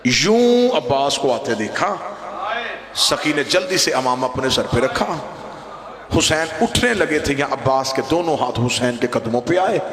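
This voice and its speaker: A man's voice: mid-range voice, animated, unhurried, a crowd in the background. A man reciting a mourning sermon, telling a story in an impassioned, lamenting voice that swells into chant-like cries. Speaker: religious orator. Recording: echoey hall, long reverb.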